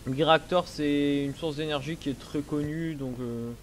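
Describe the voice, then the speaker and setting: A young man in a casual let's play, explaining his game setup slowly with many hesitations, speaking into a headset. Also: fairly high pitch, steady tone, a little hiss or hum. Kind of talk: casual gameplay commentary.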